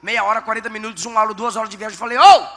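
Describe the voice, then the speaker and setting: A man, a pastor, preaching a sermon with animated storytelling and bursts of shouted emphasis. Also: high-pitched, rapid-fire. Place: church. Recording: church hall reverb, faint background music.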